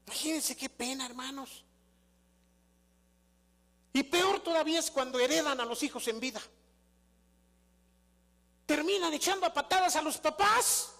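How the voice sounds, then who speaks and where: An older man with a Mexican accent preaches in a high-pitched voice. He tells stories in a conversational way and keeps asking his congregation questions. His voice rings with a long reverb through the church hall. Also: moderate pace, gravelly, long pauses, sharp tone. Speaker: pastor. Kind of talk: sermon. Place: church sanctuary.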